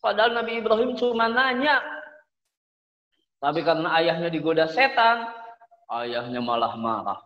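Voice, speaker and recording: A man telling a religious story to children, animated and often asking them questions. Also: fairly high pitch, moderate pace, long pauses, lo-fi sound. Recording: echoey room with long reverb.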